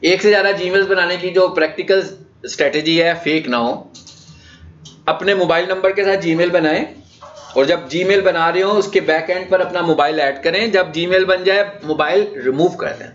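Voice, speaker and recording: Here a Pakistani-accented digital marketing trainer speaks at a moderate pace in a high-sitting, somewhat bright voice. It's an informal orientation lecture where he explains things and drops rhetorical questions to check in, on dull, low-quality audio.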